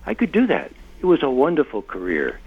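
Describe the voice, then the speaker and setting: An older man speaking emphatically as an interview guest. His gravelly, husky voice swings widely in pitch. The recording sounds muffled and lo-fi. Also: huge pitch swings, brisk. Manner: impassioned, emphatic. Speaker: interview guest, former intelligence analyst. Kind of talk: conversational interview.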